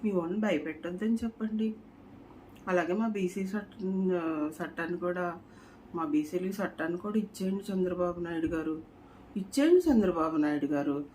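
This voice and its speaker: A woman's voice: fairly low pitch, normal speed, dark tone, a little hiss or hum, poor audio. A woman, pleading directly to camera in a repetitive, imploring vlog appeal. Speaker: vlogger making a political appeal.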